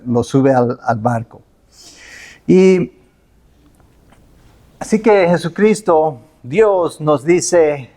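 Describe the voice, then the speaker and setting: A man's voice: fairly high pitch, darkish tone. A man preaching a sermon as pastor, talking freely frequent restarts and fillers like "you know" and "right". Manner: unscripted preaching, many restarts, slips into English fillers.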